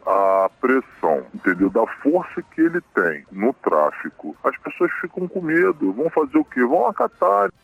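A man whose voice is disguised, distorted and pushed deep to hide his identity. It comes through a tinny, phone-like lo-fi line, gravelly and husky. He talks plainly and guardedly and tacks on little tag questions, with a pitch that swings widely. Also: very animated, normal speed, few pauses. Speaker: anonymous local resident.

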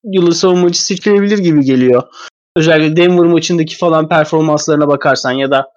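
A man's voice: a little high, quick pace, a little mellow, no room sound, muffled recording. A man sick with a cold, his voice thick and stuffy, giving casual, rambling basketball analysis as a podcast commentator. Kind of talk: casual sports analysis talk.

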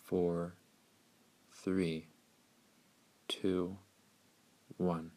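Low voiced guy doing guided meditation, really slow and even, soothing n hushed. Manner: soothing, hushed, unhurried delivery with long pauses.

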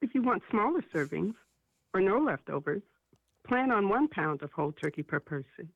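A woman's voice in a recorded phone hold message, giving scripted tips in a bright advice-reading way. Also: mid-range voice, big pitch swings, moderate pace, no room sound. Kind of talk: automated hold-line tips. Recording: tinny phone line.

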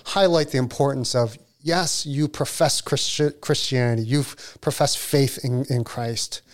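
Guy in his 40s, earnest n reflective, self-deprecating, medium pitch. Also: a little slow. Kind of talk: casual chat.

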